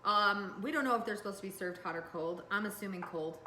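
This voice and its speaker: A woman's voice: mid-range voice, quick pace, pushed and bright, echoey room, slight background noise. A woman co-hosting a cooking show, chatting casually and wryly as she tries a dish. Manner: wry, squeamish, thinks aloud.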